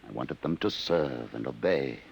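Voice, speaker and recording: Guilt-ridden inventor, very deep and gravelly, old radio hiss. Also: male voice, expressive, normal speed, exaggerated voice. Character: remorseful male inventor, grave and weary. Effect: old radio recording. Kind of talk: 1950s radio drama acting. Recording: hissy old radio broadcast.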